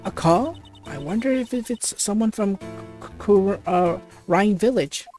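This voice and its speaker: A woman's voice: medium pitch, unhurried, warm tone, soft background music, lightly acted. A woman voicing a cheerful young woman spirit medium in a game, a little hesitant. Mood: curious.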